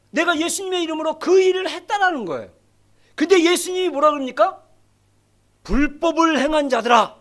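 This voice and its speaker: A middle-aged man preaching a sermon as pastor in a church, dramatic, acting out scripture quotes and rising to shouts. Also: very high voice. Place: church sanctuary.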